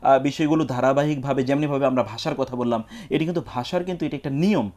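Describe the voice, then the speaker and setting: A man, an Islamic scholar, giving measured, teacherly answers on a live television question-and-answer show, weaving in Arabic quotations. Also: mid-range voice, a little mellow. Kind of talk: explanatory religious talk. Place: television studio.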